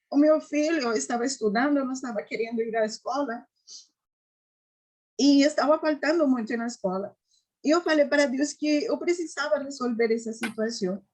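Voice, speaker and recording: A woman giving an earnest personal faith testimony, often halting and restarting. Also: sits high, a little mellow. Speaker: testimony giver.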